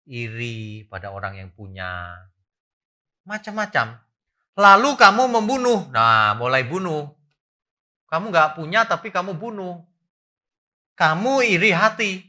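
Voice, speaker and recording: A man preaching a church sermon, animated and rising loud for emphasis as he asks the congregation questions. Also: medium pitch, measured pace, long pauses. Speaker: pastor.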